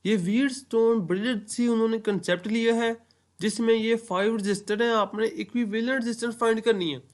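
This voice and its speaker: A man's voice: very high-pitched, fairly even intonation, fairly quick. A man from Pakistan giving an explanatory lecture on entry tests, walking through worked examples step by step. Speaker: entry test teacher.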